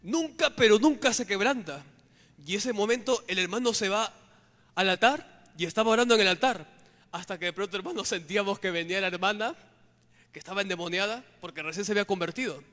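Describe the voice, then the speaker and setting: A man's voice: sits high, quick pace, bright, forceful tone, big-room sound. A man preaching a testimony sermon, fervently calling his listeners "brother" again and again. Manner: fervent, calls listeners "hermano" constantly.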